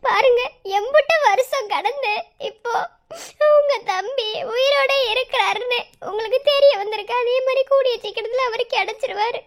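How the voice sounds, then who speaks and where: A woman voicing a gentle young woman in a cartoon, comforting someone in a soothing, tearful way. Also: very high voice, normal speed. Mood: tender, tearful. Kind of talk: cartoon voice acting.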